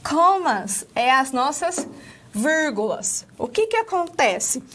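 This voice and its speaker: A woman's voice: high-pitched, sing-song, takes it slowly, a bit bright. A Brazilian woman teaching a recorded English lesson, explaining step by step and checking in with "ok?" after each point. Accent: Brazilian Portuguese.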